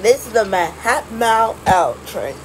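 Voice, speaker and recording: A woman making recorded subway train announcements, stop by stop in a flat, measured announcer delivery. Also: on the high side, slight background noise, poor audio.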